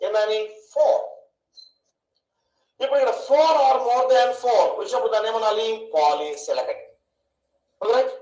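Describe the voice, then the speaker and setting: A man teaching an English grammar class online, asking questions and slowly drawing out each syllable. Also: high-pitched, a little mellow. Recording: echoey room, dull lo-fi sound.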